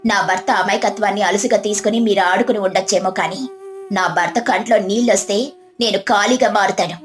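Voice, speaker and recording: A woman's voice: a little high, lightly acted. Woman voicing a clever, firm young farmer's wife. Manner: polite but firm, turning stern.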